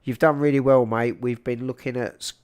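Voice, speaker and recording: A man with a South London accent hosts a casual livestream. His voice sits at an average pitch, and he talks informally and matily to his viewers, close up on a big microphone. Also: fairly even intonation, a little fast, a little mellow, clean tone. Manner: informal and matey, calling people "mate". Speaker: livestream host. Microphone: large microphone up close.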